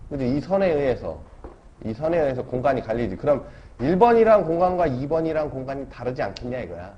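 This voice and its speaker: A man's voice: mid-range voice, very animated, fast talker, warm tone. A man teaching a math lesson in a casual way, often checking in with students as he explains. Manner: casual, keeps checking in with the class with tag questions. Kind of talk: classroom math lecture. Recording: dull lo-fi classroom recording with faint noise.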